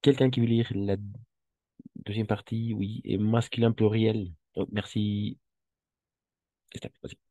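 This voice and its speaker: A man patiently teaches French to a class, moving slowly and repeating every word for drilling. His warm voice is on the low side with little pitch movement, recorded with no room sound.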